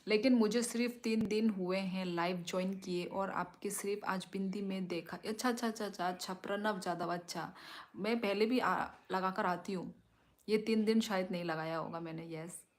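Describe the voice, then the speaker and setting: Chatting slowly during a live stream, a young woman from Tripura, northeast India, reads out viewer comments and replies to them. She is a native Kokborok speaker with a mid-range voice and fairly even intonation.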